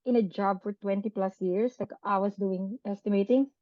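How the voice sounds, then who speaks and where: A woman chats easily as a podcast guest. She laughs often and tags her sentences with little questions. Her voice is mellow, and the dry recording sounds slightly muffled. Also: mid-range voice, normal speed, no room sound. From Philippines. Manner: chatty and animated, laughs often, tag questions. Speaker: podcast guest, business owner. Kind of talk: casual interview chat.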